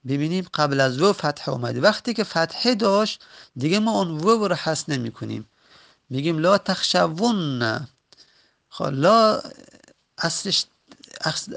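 A man teaching a grammar lesson, patiently explaining and slowly repeating each example word. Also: fairly high pitch, animated, gravelly, a bit bright.

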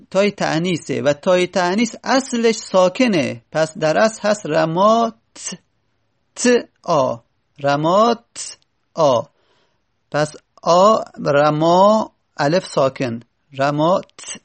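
Male teacher, somewhat high voice, patient and repetitive, stretches out the sounds of words as he lectures. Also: gravelly. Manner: patient, repeats and slowly drags out word forms. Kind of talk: grammar lesson.

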